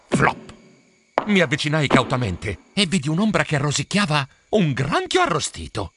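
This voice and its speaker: A man narrating a children's storybook in a theatrical way, with sound effects and drawn-out words. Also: a little high, noisy background. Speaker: storybook reader.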